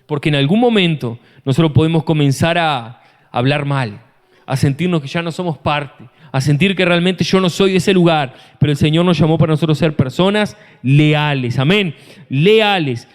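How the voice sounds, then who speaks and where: A man, a pastor preaching an animated sermon full of rhetorical questions, recorded in a church hall. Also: fairly high pitch, moderate pace. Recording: long church-hall reverb.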